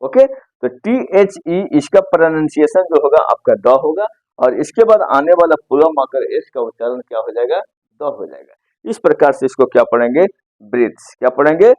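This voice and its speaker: A man's voice: a little high, very animated, moderate pace, a little mellow, dry recording, muffled recording. A man teaching an English pronunciation lesson, spelling words letter by letter and asking questions that he answers himself. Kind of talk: Hindi-language pronunciation lesson.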